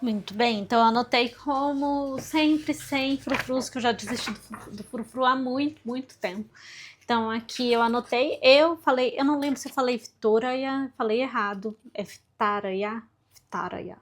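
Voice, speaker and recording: A woman's voice: sits high, normal speed, a little hiss or hum. A woman vlogging informally about her language studies, chatty and self-deprecating as she thinks aloud while working through her exercises. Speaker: book vlogger. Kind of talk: informal study vlog.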